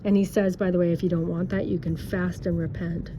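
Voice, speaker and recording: A woman's voice: fairly low pitch, flat delivery, a little fast, warm tone, slight background noise. A woman talking to camera in a personal opinion monologue, full of rhetorical questions and sarcastic asides. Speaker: vlogger. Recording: dull lo-fi recording.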